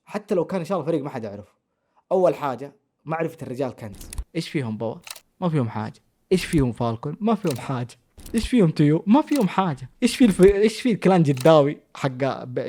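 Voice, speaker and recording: A man with a Hejazi Saudi accent, a content creator answering follower questions in playful, teasing chat. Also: on the high side. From Saudi Arabia, Jazan. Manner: playful, teasing, jumps between loud bursts and mutters. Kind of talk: casual chat.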